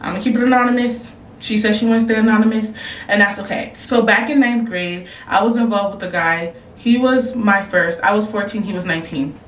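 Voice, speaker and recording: A young woman sits in a room at home reading advice submissions to her camera and, later, her phone, speaking medium-pitched and a bit fast. She's blunt, slangy, and reacts with animation. The mic is far off, so it sounds roomy, with soft background music and low quality overall.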